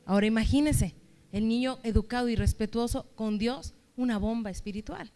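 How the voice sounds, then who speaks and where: A woman's voice: fairly high pitch, moderate pace, warm tone. A woman church leader preaching a sermon, exhorting her listeners with strings of rhetorical questions.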